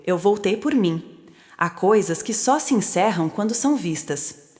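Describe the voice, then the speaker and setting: A woman voicing a composed young businesswoman who speaks calmly and with quiet, cutting resolve. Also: medium pitch, close to an everyday voice. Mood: cold calm. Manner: calm, measured, quietly cutting. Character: composed young woman returned as rich CEO, coldly calm. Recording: long reverb.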